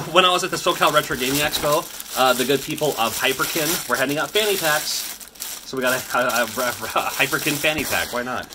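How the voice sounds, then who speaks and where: A man's voice: medium pitch, fairly quick, background noise. A man in his thirties, a father, hosting a casual unboxing vlog, chatty and rambling with frequent restarts. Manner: chatty, rambling, self-correcting. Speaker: YouTube host. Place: home room with his kids.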